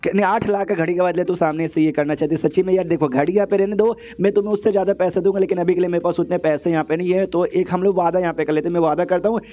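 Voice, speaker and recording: A man narrates an animated series recap at a brisk clip, his voice set high but with a mellow, warm tone. He talks in a loose, slangy way and tosses in short lines for the characters as he goes. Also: highs cut off. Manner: fast, slangy, quotes characters in quick asides. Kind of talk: casual storytelling recap.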